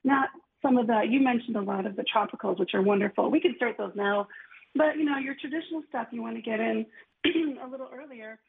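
A woman's voice: fairly high pitch, brisk, creaky, husky. A woman, a gardening guest talking casually and enthusiastically, lots of "like" in her speech. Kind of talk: casual radio call-in chat. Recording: tinny phone line.

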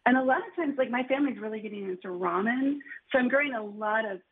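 Chatty husky woman on a phone line. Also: a little high, fast talker. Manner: chatty, enthusiastic, lots of "like". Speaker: gardening guest. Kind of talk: casual radio call-in chat.

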